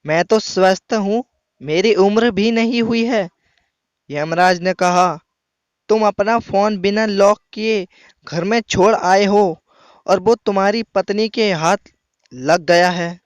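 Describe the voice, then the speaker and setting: A man telling short jokes briskly, acting out the dialogue between the people in them. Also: high-pitched, clear, resonant tone, no room sound. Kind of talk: telling jokes over music. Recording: loud background music.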